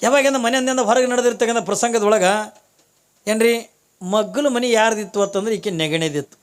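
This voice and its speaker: A man with a North Karnataka Kannada accent, a religious preacher telling a devotional story in an animated way, often addressing the audience. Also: sits high, brisk. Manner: animated storytelling, frequent "enri" asides to the audience.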